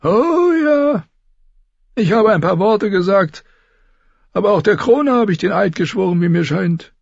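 A man voicing a scheming, spiteful old lord in an audiobook, with a shrill, gravelly cackle and a sneering, taunting manner. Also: animated, a little slow, no room sound, muffled recording, full character voice. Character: scheming ancient male lord, spiteful and mocking. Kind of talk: audiobook character voice.

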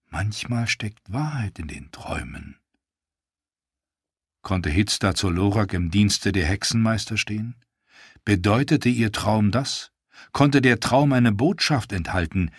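A man narrating an audiobook in a calm, even storytelling manner. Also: lowish voice, breathy edge, dry recording, studio quality. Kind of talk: audiobook reading.

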